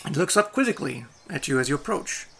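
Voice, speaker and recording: A game master narrating a tabletop game, reading out scene descriptions in a bright, crisp voice. The pitch is mid-range and the delivery is descriptive and steady. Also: fast talker, a little hiss or hum. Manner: descriptive, reads scene text aloud.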